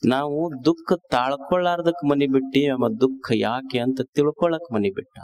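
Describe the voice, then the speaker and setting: A man's voice: mid-range voice, moderate pace, darkish tone. A man with a North Karnataka Kannada accent giving a sermon as a swamiji, asking rhetorical questions and repeating his phrases. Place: discourse series in a town.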